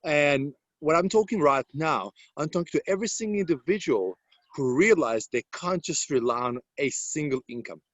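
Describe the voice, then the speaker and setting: Confident as a sales coach, a man from Serbia fields interview questions about property mentoring in broken English with a Serbian accent. He speaks at a normal speed in a fairly high, expressive voice, and the recording is dry.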